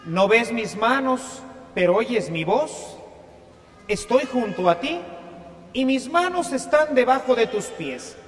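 A man voicing a calm, fatherly divine voice that gently reassures a frightened man. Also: extremely high pitch, slow pace, in a large hall, full character voice. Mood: reassuring.

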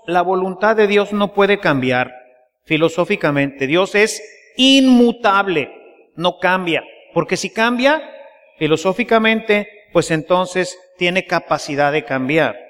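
A man's voice: sits high, fairly bright tone, long reverb tail. A man preaching a sermon, telling stories in a folksy way and often checking that the congregation follows. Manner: folksy storytelling, keeps asking the congregation to agree. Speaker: priest.

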